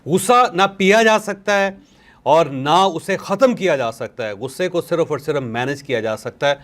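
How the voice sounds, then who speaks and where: A man from Pakistan, hosting a talk and telling lively stories, acting out the people he quotes and laughing often. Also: a little high, moderate pace. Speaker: talk show host and columnist. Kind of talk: animated conversational talk.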